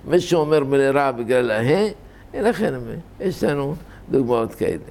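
A man's voice: medium pitch, expressive, a little mellow, slight background noise. An older man giving an informal Torah lesson on grammar, explaining patiently and drifting into anecdotes. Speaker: rabbi teaching Torah grammar.

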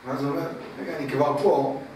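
A man preaching, telling a parable in a lively storytelling manner that repeats words for effect. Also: on the high side, slight background noise. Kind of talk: religious storytelling sermon. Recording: very echoey room from a distant mic.

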